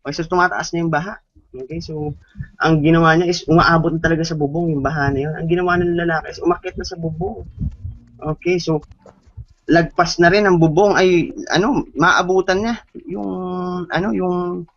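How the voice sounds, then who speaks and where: A man giving a training webinar, telling a story and often checking in with "okay?". His voice sits fairly high for a man. The audio is dull and dry, with no room sound. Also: fairly even intonation, moderate pace, fairly bright tone, no echo. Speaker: business trainer. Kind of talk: webinar talk with a parable.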